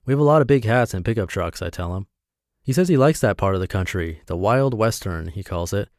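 A man from Montana, reading his reflective essays aloud in a measured, deliberate way. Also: fairly low pitch, darkish tone, dry recording, clean studio sound. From Montana, USA.

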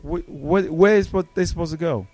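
A man's voice: fairly high pitch, normal speed, faint music behind. A man from Brooklyn with a New York accent, chatting as a guest comedian on a podcast and restarting his sentences often. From Brooklyn, United States. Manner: animated, stumbling restarts. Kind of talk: casual podcast chat.

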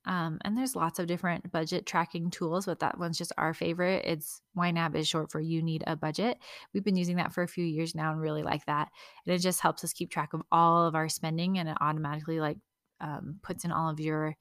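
A woman's voice: deep voice, flat delivery, a little fast, fairly bright tone, dry recording, studio quality. A woman in her thirties, a mother of several kids, hosting a casual solo podcast and sharing practical tips in a chatty way with small laughs. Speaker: podcast host.

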